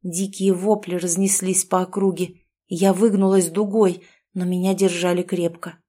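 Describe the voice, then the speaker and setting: A woman narrating a first-person audiobook in a steady, expressive storytelling manner. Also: fairly low pitch, normal speed, husky.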